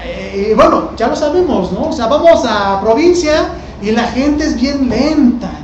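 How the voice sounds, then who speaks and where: Male teacher, unhurried, colloquial lecture in an echoey room. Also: extremely high pitch, animated, muffled recording, slight background noise. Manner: colloquial, asks the class rhetorical questions. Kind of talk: classroom lecture.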